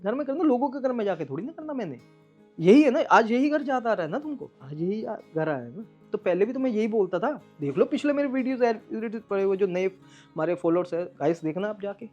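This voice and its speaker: A man's voice: high voice, warm tone, lo-fi sound. Aggrieved man with a raised voice. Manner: aggrieved and accusing, addressing his estranged wife directly. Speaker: vlogger. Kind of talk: emotional monologue to followers.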